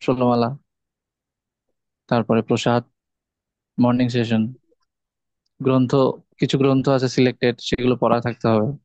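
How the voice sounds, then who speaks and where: A man's voice: medium pitch, level tone, unhurried, long pauses, darkish tone, no room sound, lo-fi sound. Patient man teaching an online class. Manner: patient, explains step by step with hesitations. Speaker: course teacher.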